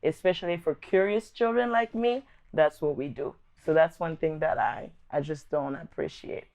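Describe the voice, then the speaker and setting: A young adult woman from the Democratic Republic of Congo, a vlog host, speaks to camera about her upbringing in a low, slightly mellow voice captured in a muffled recording. She is thoughtful and earnest, measured in pace, with occasional restarts.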